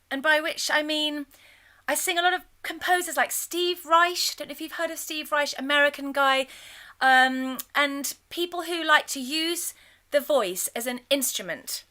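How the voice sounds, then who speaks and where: Bright-voiced woman choir leader. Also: high-pitched, moderate pace. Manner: chatty and warm, breaking into sung examples. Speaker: choir leader teaching a course. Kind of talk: enthusiastic spoken lesson with sung demonstrations.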